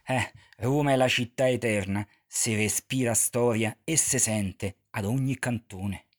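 A man's voice: medium pitch, unhurried. A man from Rome with a strong Romanesco accent, telling stories conversationally as an interview guest. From Rome, Italy. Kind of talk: conversational storytelling in dialect.

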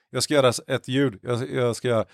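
A man's voice: medium pitch, expressive, creaky. A man co-hosting a podcast, telling anecdotes in a dry, self-ironic manner. His voice sits in the middle range. The sound is close and dry, with no room echo. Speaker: podcast co-host. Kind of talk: casual chat, storytelling.

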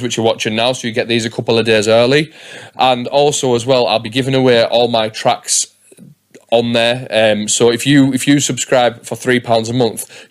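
Man hosting a casual podcast. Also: mid-range voice. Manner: informal, sweary. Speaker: podcast host.

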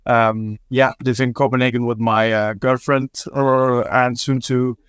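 A man, a guest on a podcast panel, chatting in a relaxed way that trails off with fillers. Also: mid-range voice, unhurried, clear, resonant tone, no room sound. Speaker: guest, product owner. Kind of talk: casual panel chat. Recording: slightly muffled podcast recording.

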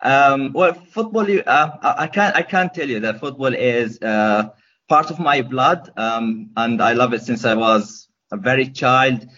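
Answering podcast questions in a casual interview, a young Gazan man speaks at a measured pace in a medium-pitched, fairly bright voice. He's hesitant, with plenty of ums and restarts, and the podcast audio sounds dull and lo-fi.

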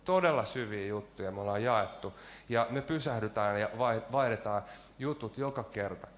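A man preaching a sermon in a church, telling a personal story with self-mocking jokes and frequent hesitant fillers. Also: on the low side.

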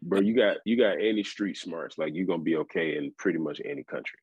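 A man's voice: deep voice, fast talker, slightly rough, no echo. An American man in casual chat with friends, speaking in slangy, teasing, buddy-like talk. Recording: dry, slightly dull lo-fi sound.

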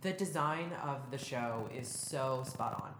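A woman co-hosts a casual podcast in a very low, lively voice that swings widely. She gushes with enthusiasm. A roomy echo and faint background noise surround her. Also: unhurried. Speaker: podcast co-host. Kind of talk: casual chat.

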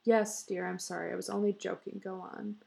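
A woman voicing a stubborn, dismissive husband, speaking lower and more quietly. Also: little pitch movement, fairly quick, vocal fry.

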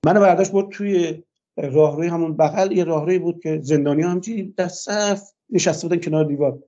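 An older man with a slightly high voice that still sounds dark and mellow. He gives a long personal account for a radio interview, pausing often on "uh" fillers. The sound is dull and lo-fi. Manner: long, hesitant retelling with frequent "uh" fillers. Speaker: interview guest.

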